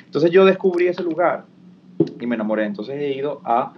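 A man speaks in a relaxed, reflective way, filling his pauses with "eh" and "este". His is plain to hear. The recording sounds dull and lo-fi, with a faint noise in the background. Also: a little high. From Venezuela. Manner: warm, reflective, frequent "eh" and "este" fillers. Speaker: guest. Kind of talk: casual conversation.

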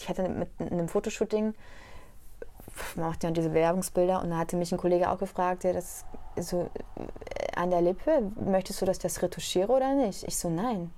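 A young woman talks through a personal topic in an unhurried, reflective way on a conversational podcast. She grows more animated when she recounts anecdotes. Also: fairly low pitch. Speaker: podcast co-host. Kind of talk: casual conversation.

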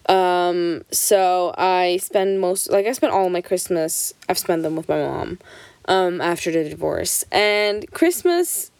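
A woman's voice: lowish voice, a little mellow, smooth, no echo. A young woman from Switzerland hosting her own podcast, chatting casually, rambling, swearing freely and often restarting her sentences. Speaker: podcast host. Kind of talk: casual solo podcast chat.

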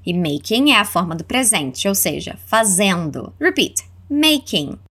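A Brazilian-accented woman leads an English lesson, modeling words slowly and clearly for repetition. Her voice rises and falls a lot as she speaks. She keeps an unhurried pace throughout. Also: mid-range voice, very animated, a bit bright. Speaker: English teacher. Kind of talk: language lesson narration.

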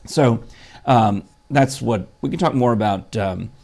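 Gravelly-voiced chatty male host. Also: mid-range voice, unhurried, darkish tone. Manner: chatty, rambling with fillers and restarts. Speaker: show host. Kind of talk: casual morning chat.

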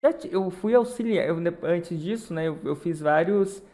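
A man's voice: high-pitched, normal speed, dark tone. A man chats casually about his work, spinning an anecdote with lots of energy. He laughs often and keeps the story rolling. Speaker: wedding photographer.

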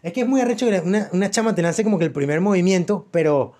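A man's voice: high voice, expressive, very fast, dark tone. A young Venezuelan man telling stories in a loose, slangy casual chat, full of fillers and repeats. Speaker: podcast co-host.

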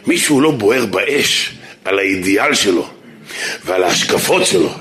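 Teaching Torah in a synagogue, this rabbi keeps things funny and animated. His jokes come out as he shifts from booming shouts to hushed side remarks.

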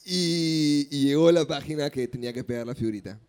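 A man's voice: on the high side, brisk, darkish tone, clean tone. A male comedian, telling a story on a live comedy podcast and acting out the dialogue.

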